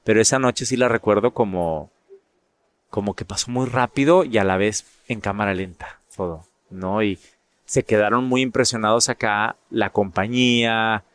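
A middle-aged man from Monterrey with a northern Mexican accent, telling stories in a casual interview, animated and often repeating words while he finds them. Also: fairly low pitch, normal speed, no room sound. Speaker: actor and guest.

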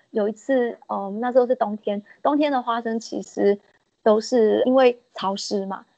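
A woman, being interviewed and telling lively stories about her work. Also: fairly high pitch, vocal fry, no echo. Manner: lively anecdotal storytelling, acts out quotes. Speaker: interviewee, peanut business owner. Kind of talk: interview storytelling. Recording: dull lo-fi dry recording.

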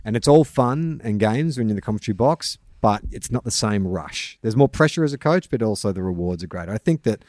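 A man co-hosting a comedy sports podcast, reading listener questions with wry, deadpan asides. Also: on the low side, fairly quick, hardly any pauses, dry recording, studio quality. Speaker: podcast co-host. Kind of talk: casual comedy chat.

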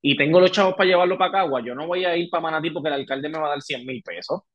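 A man's voice: on the high side, very fast, highs cut off. A man with a Puerto Rican accent co-hosting a podcast, arguing his points animatedly and cursing often. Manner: animated arguing, frequent swearing. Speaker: podcast co-host. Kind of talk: casual podcast chat.

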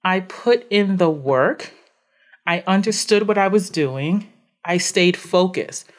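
A woman with a lowish voice recounts her business wins with emphatic, rhythmic repetition. She builds her points in short punchy sentences and acts out her own surprised reactions. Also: expressive, takes it slowly. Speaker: podcast guest, business owner. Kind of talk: animated storytelling in conversation.

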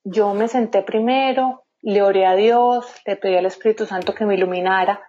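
A woman's voice: mid-range voice, fairly even intonation, moderate pace, warm tone. A woman guest in an interview, telling a personal story in an earnest, heartfelt way. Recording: slightly dull lo-fi sound.

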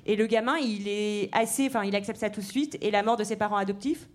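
A woman co-hosting a casual film podcast, chatty and animated. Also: medium pitch, fast talker. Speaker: podcast co-host.

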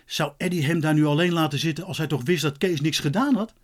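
A man narrating a children's story as an expressive, lively audiobook reading. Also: on the high side, fast talker.

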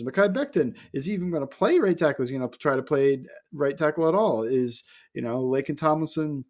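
A man co-hosting a sports podcast, talking casually and opinionatedly, firing off rhetorical questions. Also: fairly high pitch. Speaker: podcast co-host.

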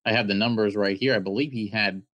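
A man's voice: lowish voice, fairly even intonation, fast, a bit bright, dry recording. A man hosting an interview, earnestly asking long, wordy questions. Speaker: interviewer, host. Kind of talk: podcast interview.

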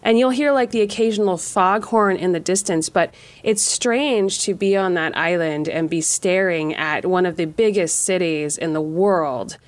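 A woman's voice: on the low side, moderate pace, hardly any pauses, no room sound. A woman hosting a casual podcast chat, reflective and conversational, musing as she talks.

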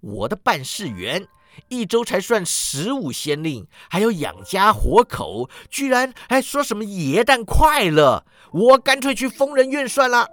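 A man voicing a bitter, miserly old man who snaps out his lines in a high, loud voice. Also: very animated, measured pace, dry recording, heavily acted. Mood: scornful. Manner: snapping, high-pitched shouts.

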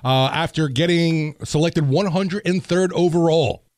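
A man's voice: a little high, a little slow, a little mellow, no echo, clean studio sound. A man co-hosting a sports podcast, loose and jokey, often trailing off mid-thought. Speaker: podcast co-host. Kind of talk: casual sports talk.

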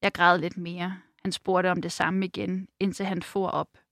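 A woman reading a first-person novel aloud in a measured, unhurried way, then talking about the book. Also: fairly low pitch, level tone, vocal fry, fairly bright tone, no echo, clean studio sound. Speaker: reader and book discussant.

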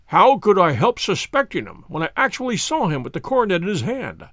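A man's voice: sits high, big pitch swings, fairly quick, fairly bright tone, no room sound, studio quality, exaggerated voice. Man acting a stern, indignant older banker. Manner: emphatic, indignant, formal. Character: stern, impatient older banker, an aggrieved father.

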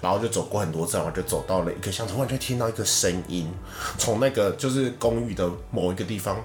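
A man, co-hosting a podcast and telling stories in a casual, animated way. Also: on the low side, fast. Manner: animated, acts out the characters in his stories. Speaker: podcast co-host. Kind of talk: casual storytelling chat.

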